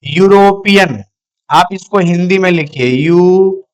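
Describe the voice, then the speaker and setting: A man giving a grammar lesson in a fairly high voice. He speaks very slowly and deliberately. He keeps repeating the example words and answers his own questions as he goes. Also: lively intonation. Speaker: English grammar teacher. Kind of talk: classroom lesson.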